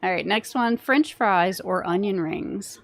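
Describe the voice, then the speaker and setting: A woman's voice: mid-range voice, unhurried, gravelly, no room sound. A woman in her thirties hosting a casual chat, giggling and reading out viewer comments. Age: 30s. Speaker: vlog host.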